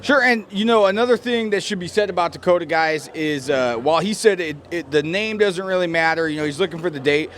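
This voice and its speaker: Guy interviewing casually, kinda high voice, chummy and informal like talking to a buddy. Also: brisk, hardly any pauses, a bit bright, slight background noise. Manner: informal, chummy, says man often. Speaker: interviewer, former fighter.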